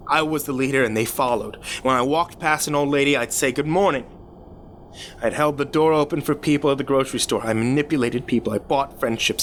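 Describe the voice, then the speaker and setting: Troubled, privileged young man, played by a male actor, mid-range voice, halting confession in a horror drama, audible background noise. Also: medium pitch, fairly bright tone, lightly acted. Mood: bitter, regretful. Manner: halting, confessional, stammering over repeated words. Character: troubled rich young man confessing his cruel teenage past. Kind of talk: dramatic first-person horror story monologue.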